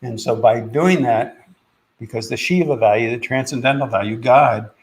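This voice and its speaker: A man hosting a podcast, speaking in a halting, casual way about spiritual ideas, with many fillers and restarts. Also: medium pitch, poor audio. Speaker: podcast host and spiritual teacher.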